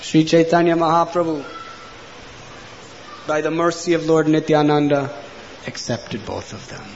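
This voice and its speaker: A man telling a devotional story as a sermon, earnest, with loud emphasis that drops to hushed phrase endings. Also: fairly high pitch, fairly even intonation, a little slow. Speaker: preacher. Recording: dull lo-fi recording with faint noise.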